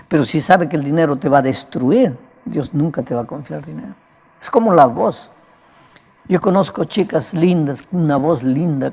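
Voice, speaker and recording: A male evangelist preaches a sermon in a cracked, broken voice that is a little high, creaky and slightly mellow. He talks conversationally, often tossing a quick "right?" to his listeners, and he tends to cough.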